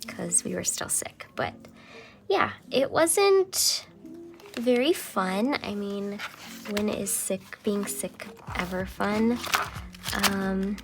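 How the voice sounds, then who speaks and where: A young woman journaling vlogger chats slowly in a mid-range voice as music plays in the background. She rambles with lots of fillers, sometimes dropping into a soft half-whisper, her voice still slightly phlegmy from a cold.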